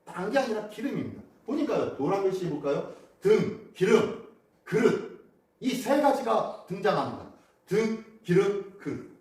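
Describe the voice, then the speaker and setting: Male pastor, sermon, animated questioning delivery, booming church echo, mic at a distance. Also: unhurried. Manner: animated, asks the congregation questions. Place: church sanctuary.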